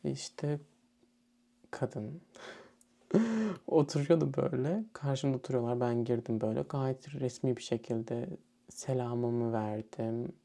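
A young man from Turkey telling a personal story in a relaxed, chatty way. His voice is mellow and sits at a middling pitch. He slips into other people's lines as he goes. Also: takes it slowly, gravelly, pauses often. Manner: animated retelling, acting out other people's lines. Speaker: student vlogger. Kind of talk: casual storytelling.

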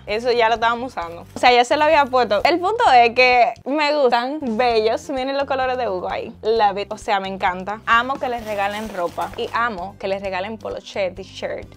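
A woman, chatting casually in a vlog as a mother. She gushes and squeals over cute things and drops English words into her speech. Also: on the high side. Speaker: mother unboxing birthday gifts.

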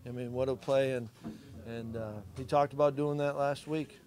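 Flat-voiced middle-aged coach. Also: male voice, medium pitch, moderate pace. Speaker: head football coach. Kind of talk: postgame press conference answers.

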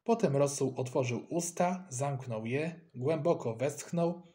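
A man reading a children's story aloud with lively, expressive narration. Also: mid-range voice, a little slow.

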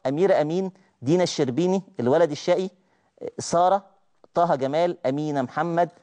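A man's voice: fairly high pitch, a little mellow. A man with an Egyptian accent hosting a live TV talk show, reading viewer names with chatty asides. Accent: Egyptian Arabic. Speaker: TV show host. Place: TV studio.

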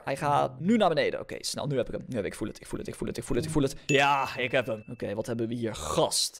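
Young dutch guy chatting thru a game, voice jumps all over, background music loud. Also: mid-range voice. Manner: chatty, reacts out loud with yelps and repeated words. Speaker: gaming YouTuber. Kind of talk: casual game commentary. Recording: music clearly under the voice.

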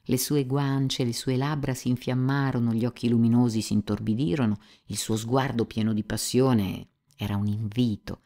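Woman audiobook narrator, very low voice, gravelly, dark tone, measured. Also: steady tone.

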